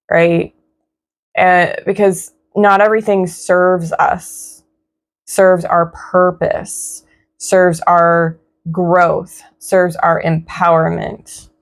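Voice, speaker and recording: A young woman giving a casual tarot reading in a reflective, encouraging way. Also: lowish voice. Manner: slow, reflective, spiritual, encouraging. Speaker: tarot reader.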